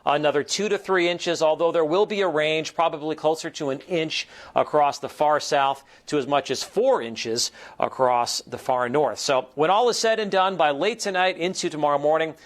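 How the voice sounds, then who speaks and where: An American man presents a TV weather forecast in an ad-libbed, explanatory broadcast style, with measured emphasis and a fairly high pitch.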